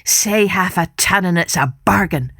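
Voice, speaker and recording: A woman's voice: on the low side, measured pace, a bit bright, no room sound, studio quality. A woman voicing a crafty, hungry old male woodcutter in a children's story, talking in a sly, coaxing way.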